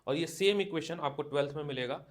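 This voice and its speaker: In a classroom, a male physics teacher with a fairly high voice dictates a lecture slowly, repeating phrases and coaching his students directly.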